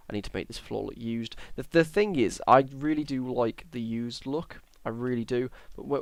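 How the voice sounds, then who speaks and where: A tired young English man who makes Minecraft videos on YouTube gives casual commentary on his build, rambling, hesitating, correcting himself, and yawning. His medium-pitched voice has vocal fry, and there's no echo.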